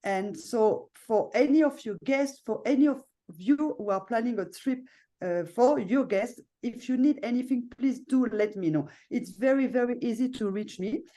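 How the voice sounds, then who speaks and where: On a video call, a middle-aged French-accented woman chats her way through a presentation of her hotel, often tossing in "no?" and "you know." Her voice is fairly high and mellow, and she speaks at a normal speed with plenty of fillers and tag questions.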